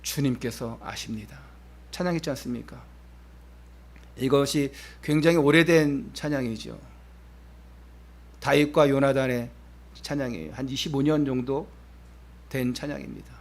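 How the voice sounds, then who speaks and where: A pastor, a man, preaching a Sunday sermon at a church service. He asks the congregation direct questions, and his delivery swings from emphatic lines to hushed, soft phrases. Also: medium pitch, fairly even intonation, moderate pace, gravelly, pauses often.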